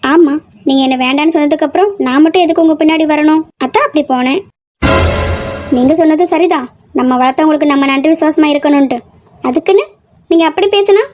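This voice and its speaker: A woman's voice: high voice, quick pace, darkish tone, soft background music, close to an everyday voice. A young woman voicing a sensitive, stubborn young woman in love in an audio drama, talking in a pouting, emotional way. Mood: sulky. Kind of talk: amateur audio drama acting.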